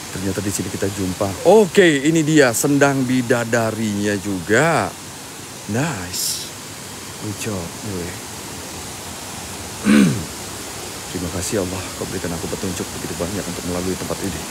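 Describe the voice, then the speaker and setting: A man hosting a live ghost-hunting stream, chatting and joking with viewers and dropping into low murmured prayers, outdoors at night near a waterfall. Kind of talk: live-stream exploration commentary. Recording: loud outdoor background noise.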